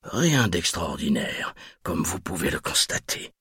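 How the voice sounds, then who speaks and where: A man doing a gruff muttering old intruder. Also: mid-range voice, big pitch swings, slow, fairly bright tone, no echo, studio quality, pitched above the performer's own voice, heavily acted. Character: grumpy cold old male intruder.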